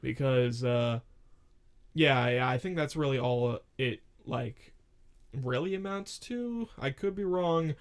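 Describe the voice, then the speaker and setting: A man's voice: mid-range voice, slow pace, clear, resonant tone. A man in his twenties co-hosting a podcast from his room, talking casually into a studio mic in a rambling, profane way full of "like.". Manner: rambling and profane, lots of filler "like". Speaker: podcast co-host. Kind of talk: casual chat. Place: home room. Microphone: studio mic with pop filter.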